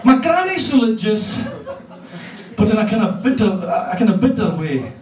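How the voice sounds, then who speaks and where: A man with a Scottish Hebridean accent performing stand-up comedy with a profane, deadpan style of storytelling. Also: high-pitched, moderate pace. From Isle of Lewis, Scotland. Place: live comedy venue. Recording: echoey club room from far off.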